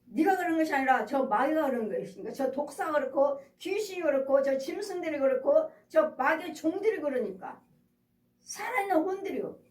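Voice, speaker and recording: A woman's voice: sits high, expressive, brisk, darkish tone. A middle-aged woman pastor preaching a sermon, repeating exhortations and asking the congregation rhetorical questions. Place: church sanctuary. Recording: echoey room, voice from a distance.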